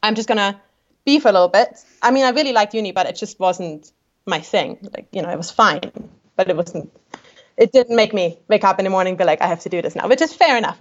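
Talking fast in a mid-range voice, this Austrian travel photographer in her 20s guests on a podcast for a casual interview chat, laughing often and restarting sentences. Her accent is Austrian with a New Zealand tinge, and the highs are cut off.

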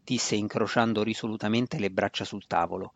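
A man's voice: fairly low pitch, fairly even intonation, a little fast, creaky, no echo. A man narrating a fantasy novel as a reader. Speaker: audiobook narrator. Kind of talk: scripted narration. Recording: dry, dull lo-fi recording.

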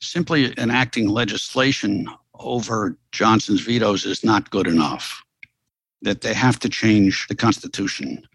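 A man's voice: fairly low pitch, unhurried, a bit bright, husky, no room sound, low-quality recording. A man, a historian guest, explaining history in a casual, enthusiastic storytelling way with fillers. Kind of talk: interview explanation.

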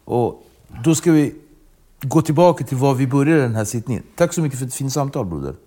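A man's voice: mid-range voice, expressive, mellow. A man hosting a casual interview, prompting his guest with short questions. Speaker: podcast host.

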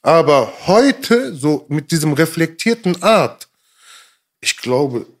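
High, lively-voiced rapper man. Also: takes it slowly. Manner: emphatic, repeats himself, keeps checking in with the listener; street slang. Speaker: rapper guest. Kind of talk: casual interview talk.

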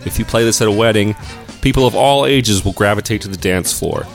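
A man's voice: on the low side, a little fast, vocal fry. A man co-hosting a music debate podcast, reading prepared arguments with a dry, sardonic wit. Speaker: podcast co-host.

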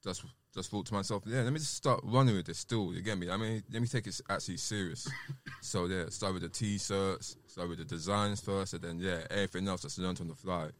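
A man's voice: low voice, fairly quick, a little hiss or hum. A man with a South London roadman accent, chatting casually and loosely in street slang as a podcast guest. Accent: South London, urban roadman. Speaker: podcast guest, rapper and producer.

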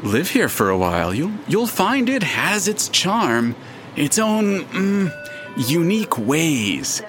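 A man's voice: a little high, big pitch swings, slow, fairly bright tone, soft background music, full character voice. A man playing a wry, theatrical narrator character who speaks in an arch, pompous manner in an audio drama. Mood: arch, lofty.

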